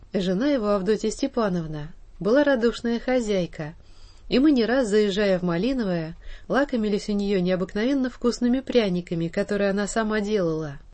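Woman, audiobook narrator, slow measured storybook reading, mid-range pitch. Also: a little mellow.

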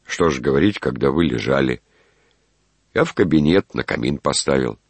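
A man voicing a stubborn, slow-witted old male servant who answers in a grumbling, matter-of-fact way. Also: a bass voice, expressive, breathy edge, no room sound, heavily acted.

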